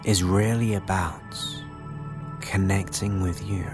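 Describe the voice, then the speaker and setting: Deep, slow-speaking man guiding meditation over music. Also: fairly even intonation. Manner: soothing, unhurried, with long pauses between short phrases. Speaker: guided meditation host. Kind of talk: guided relaxation hypnosis narration. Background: new-age music.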